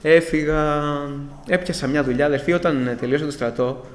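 A man giving an earnest, emotional personal testimony to a church congregation and addressing them as brothers. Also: a little high. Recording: echoey hall with long reverb.

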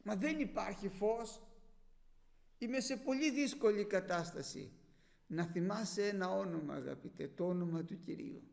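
High gravelly preacher in an echoing hall. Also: male voice, darkish tone. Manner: preaching with rising cries on quoted prayers. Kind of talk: sermon.

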